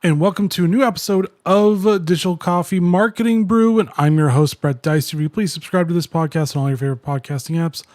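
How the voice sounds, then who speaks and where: A man with a fairly high voice hosts an interview podcast. He reads the intro like a script and then asks short, plain questions. The recording is dry and close, with no room sound. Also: fast talker, few pauses, a little mellow, dry recording. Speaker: podcast host.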